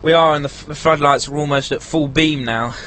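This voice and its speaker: A man co-commentating at a football ground, offering measured and slightly hesitant analysis. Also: a little high, steady tone, a bit bright, rough recording. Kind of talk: match analysis.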